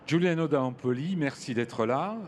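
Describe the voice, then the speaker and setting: A man moderating a panel discussion, giving formal, measured introductions to his guests. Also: mid-range voice, slight background noise. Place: large hall at a public event.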